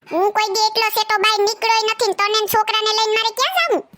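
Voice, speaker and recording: A penny-pinching young husband, played by a man in a comedy skit, grumbling excuses in a very high, bright voice. He stays defensive and evasive throughout. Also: level tone, racing, slight background noise.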